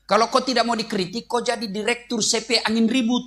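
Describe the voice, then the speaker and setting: A man's voice: very high-pitched, fairly even intonation, fast, fairly bright tone. A man with a Makassar accent preaching a humorous sermon, joking and addressing the audience directly. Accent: Makassar Indonesian.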